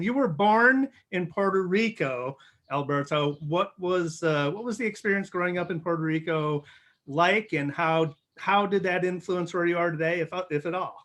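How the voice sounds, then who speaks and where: A man hosting an interview show, friendly and halting, often restarting his questions. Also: high voice, lively intonation, fairly bright tone. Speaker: podcast host.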